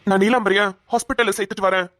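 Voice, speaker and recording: A woman's voice: mid-range voice, fairly even intonation, racing, fairly bright tone, no echo, studio quality, lightly acted. A woman voicing an earnest, protective young male police officer in a cartoon, talking urgently and stammering at times. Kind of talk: cartoon voice acting.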